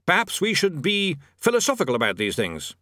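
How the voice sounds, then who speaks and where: A man doing a flustered high-voiced bursar. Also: huge pitch swings, fairly quick, bright, forceful tone, no echo, clean studio sound, full character voice. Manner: flustered, stammering, overly polite. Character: fussy nervous male university bursar.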